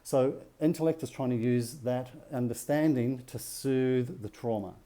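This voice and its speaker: Male workshop leader, middle-aged, very mellow warm tone, keeps asking his listeners "yeah?". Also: medium pitch, a little slow. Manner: checks in with the audience with rhetorical questions and "yeah?". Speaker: relationship workshop speaker. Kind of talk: teaching talk to a group.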